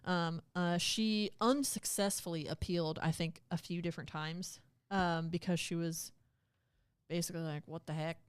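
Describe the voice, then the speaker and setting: A woman's voice: lowish voice, fairly even intonation, moderate pace, clear, resonant tone, no echo, clean studio sound. A woman co-hosting a podcast, chatting casually and retelling a legal case in plain words. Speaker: podcast co-host. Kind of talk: casual chat.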